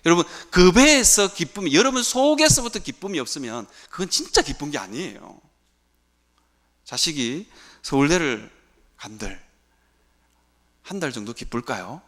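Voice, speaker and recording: A man's voice: on the high side, sing-song, normal speed, long pauses, fairly bright tone. A man preaching a sermon as a pastor, asking rhetorical questions and answering them himself. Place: church sanctuary.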